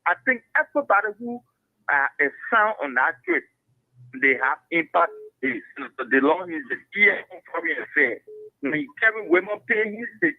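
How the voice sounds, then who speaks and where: A man's voice: sits high, big pitch swings, normal speed, creaky, no room sound. A man calling in to a radio talk show over a clipped phone line, arguing his point and repeating words as he searches for them. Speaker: caller. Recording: narrow dry phone line.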